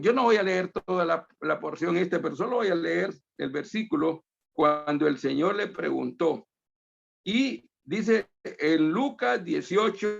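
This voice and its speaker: Gravelly Honduran-born preacher on a lo-fi call. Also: male voice, on the high side. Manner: emphatic, repeats phrases, often addresses listeners as brothers. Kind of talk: sermon. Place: home, on a virtual meeting. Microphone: video call. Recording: dull lo-fi video call audio.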